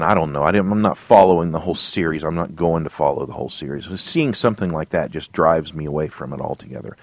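A man with a very low, deep voice rants through a podcast monologue. He is exasperated and rambles, stopping on lots of fillers and restarts. The recording is dry and close, with no room sound. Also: no room sound. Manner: ranting, exasperated, many fillers. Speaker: podcast host. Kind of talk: monologue commentary.

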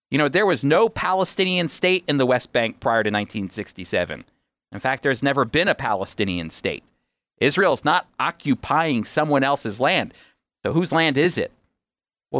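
A male radio host lays out his points emphatically, teaching as he goes and often answering his own questions. His voice is mid-range and a bit bright, with no echo.

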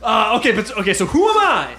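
Male improviser, high-pitched and expressive, casual comedic banter. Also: quick pace, very noisy.

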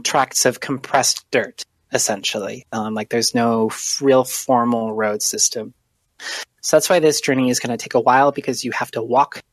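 A woman narrating a tabletop role-playing game as game master, with many pauses and ums. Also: a bass voice, no room sound.

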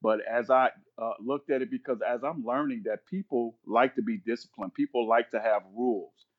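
A man's voice: mid-range voice, steady tone, normal speed. Man in his 50s, preachy earnest podcast guest, repeats himself, kinda dull lo-fi sound. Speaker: guest minister. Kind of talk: podcast conversation, preaching-flavored.

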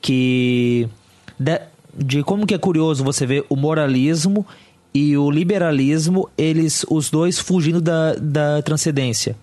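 A man's voice: on the high side, unhurried, dark tone. A man in a podcast discussion, thinking aloud with hesitations. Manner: thoughtful, hesitant, many fillers.

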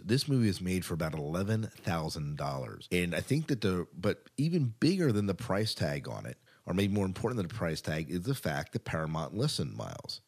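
In a low, slightly mellow voice, a male podcast co-host runs through entertainment news, keeping it casual and chatty with plenty of offhand asides.

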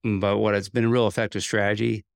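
A man's voice: on the low side, level tone, quick pace, creaky, no room sound, clean studio sound. An American man hosting a podcast, chatting casually with a guest. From United States. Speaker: podcast host. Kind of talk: casual interview chat.

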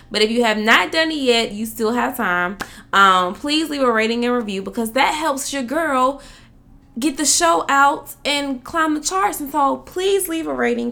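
A cheerful woman hosts her podcast in an upbeat, chatty way. Her voice is bright and forward, with a gravelly edge at the ends of her phrases. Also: fairly high pitch. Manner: upbeat, chatty, addresses listeners as y'all. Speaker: podcast host. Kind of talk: casual podcast talk with read ad.

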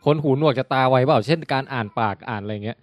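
A man's voice: mid-range voice, quick pace, no echo. A man co-hosting a casual podcast chat, telling stories and acting out what people said. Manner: animated storyteller, acts out quotes. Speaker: podcast co-host.

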